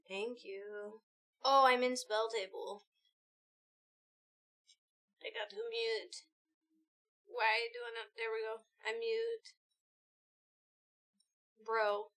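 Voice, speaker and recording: Young female streamer, casual and swearing, high-ish voice, unhurried delivery. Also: fairly even intonation, a bit bright. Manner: laid-back, swears freely, laughs often. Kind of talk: casual chat while setting up a stream.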